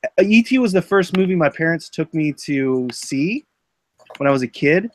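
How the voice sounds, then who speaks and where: A man's voice: on the high side, animated, moderate pace. A man in his thirties hosting a live online selling stream, chatting casually and rambling through a long childhood story with lots of fillers and restarts. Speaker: host of a live eBay listing stream.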